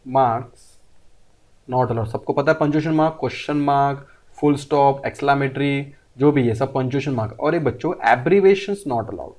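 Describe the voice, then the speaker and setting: A man's voice: fairly high pitch, darkish tone. Hindi-speaking man drilling physics rules. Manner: repetitive drilling, quizzing students with questions. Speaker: physics teacher. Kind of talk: online classroom lesson. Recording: audio briefly disturbed, distant.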